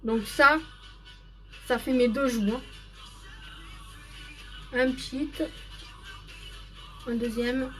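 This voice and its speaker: A woman's voice: fairly high pitch, fairly even intonation, drawn-out words, long pauses, faint music behind. Chatty woman doing a live makeup demo. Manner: chatty, greets viewers by name, explains each step. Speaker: makeup live-stream host. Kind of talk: casual live makeup demonstration.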